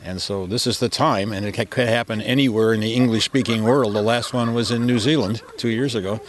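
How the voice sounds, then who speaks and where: A man's voice: on the low side, fairly even intonation, a little fast. A man giving explanatory answers in an interview.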